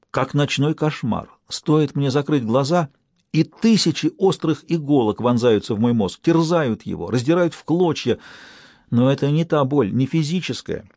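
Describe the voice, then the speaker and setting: A man's voice: medium pitch, mellow, no room sound, pitched above the performer's own voice. Man voicing a hysterical young clerk. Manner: hysterical, pleading. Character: panicky young male bank clerk. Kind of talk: audiobook reading.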